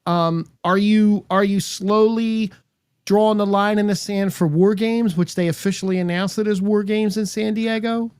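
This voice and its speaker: A man with a somewhat high voice co-hosts a casual wrestling podcast, firing off speculative questions and slangy asides. His voice sounds close and dry, with no room around it. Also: steady tone, moderate pace, a little mellow, clear, resonant tone, no room sound. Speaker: podcast co-host. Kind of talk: casual wrestling recap chat.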